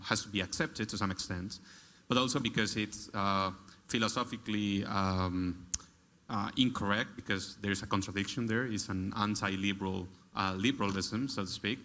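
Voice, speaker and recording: Man from Spain, panelist, measured and reflective, lowish voice. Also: sharp tone. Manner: measured, thoughtful with many fillers. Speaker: think tank director on a panel. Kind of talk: conference panel discussion. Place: large conference hall.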